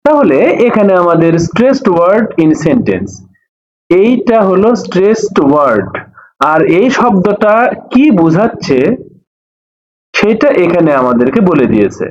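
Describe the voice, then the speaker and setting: Lively high-voiced male teacher. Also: lo-fi sound. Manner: reads English phrases slowly, then explains in Bengali; repeats and rephrases each point. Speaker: English teacher. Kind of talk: explaining a textbook lesson.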